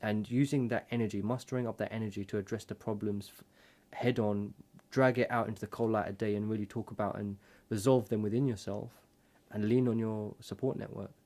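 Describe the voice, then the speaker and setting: A man's voice: lowish voice, fairly even intonation, a little fast, a little mellow. Earnest rambling man musing on life. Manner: earnest, reflective, rambling with restarts. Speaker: co-host. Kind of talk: casual chat over drinks.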